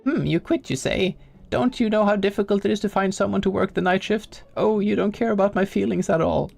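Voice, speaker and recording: A man's voice: high voice, vocal fry, a little mellow, no echo, voice pushed up, full character voice. A man putting on a whiny guilt-tripping graveyard boss. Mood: wheedling. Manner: pleading then menacing, drawn-out hmms.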